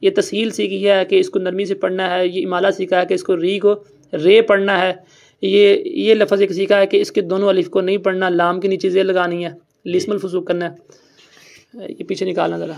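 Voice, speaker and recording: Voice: mid-range voice, level tone, gravelly, a little mellow. A recitation teacher giving a classroom lesson who explains step by step in a plain, conversational way and keeps quizzing students to repeat answers back. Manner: patient, quizzes students and has them repeat. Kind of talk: classroom lesson with call-and-response.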